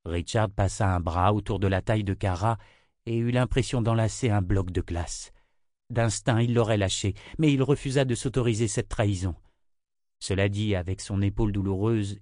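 Low-voiced male fantasy narrator. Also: moderate pace, a little mellow, no room sound, clean studio sound. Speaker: audiobook narrator.

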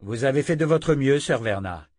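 Man reading a young swordsman, earnest, stubborn, medium pitch, audiobook, dry close mic. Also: lively intonation, normal speed, a little mellow, no echo, natural voice.

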